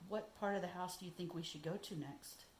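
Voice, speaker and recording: A woman's voice: on the low side, fairly quick. A woman on a ghost hunt inside a house, chatting and asking questions casually in an echoey room with noise. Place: indoors in a house.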